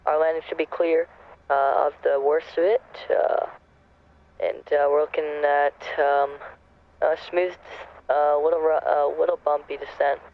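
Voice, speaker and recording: Male pilot on the cabin PA: slightly high, monotone, hesitant with fillers, phone-thin sound. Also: creaky. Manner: halting, many fillers and self-corrections. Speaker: airline pilot. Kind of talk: in-flight cabin announcement. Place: airplane cockpit. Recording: tinny cabin PA with engine hum.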